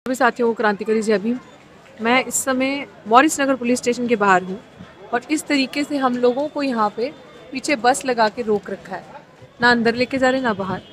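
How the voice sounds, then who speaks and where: A man's voice: extremely high pitch, normal speed, a crowd in the background, rough recording. A man delivering a rousing, declamatory address to his supporters. He speaks outdoors, on the street in front of a police station, in a fervent, proclaiming tone. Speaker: activist reporting from a protest.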